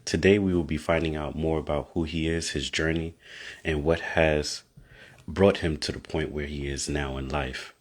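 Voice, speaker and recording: Man hosting an interview, very deep voice, husky, upbeat manner. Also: steady tone, normal speed. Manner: friendly, upbeat, peppered with uh and um. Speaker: interview host. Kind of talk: casual interview.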